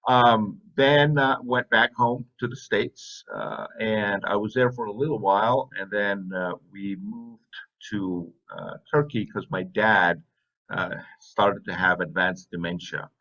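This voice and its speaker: Bright-voiced man in his fifties, lo-fi. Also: lowish voice, a little slow. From Saudi Arabia. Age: 50s. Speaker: podcast guest. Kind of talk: casual interview chat.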